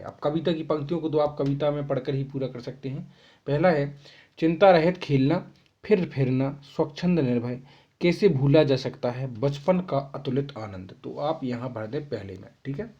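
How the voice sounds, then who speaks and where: A man's voice: mid-range voice, darkish tone. A young man explaining homework answers to children, reading out each question and then dictating the answer, with a constant "ठीक है" to check in. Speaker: teacher. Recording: dull lo-fi sound.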